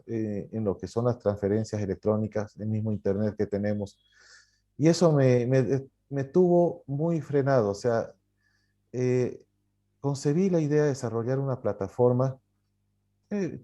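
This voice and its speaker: Guy chatting in an interview, very dark mellow voice, lots of ehs and restarts. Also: mid-range voice, lo-fi sound. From Bolivia. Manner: storytelling, frequent fillers and self-corrections. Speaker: publisher and writer, guest. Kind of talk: conversational interview answer.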